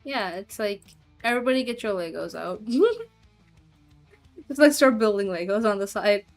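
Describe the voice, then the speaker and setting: A woman with a mid-range, sing-song voice talks a little slowly over soft background music. A streamer and hobby voice actor, she chats casually with viewers, reads chat aloud, giggles a lot, and trails off with fillers.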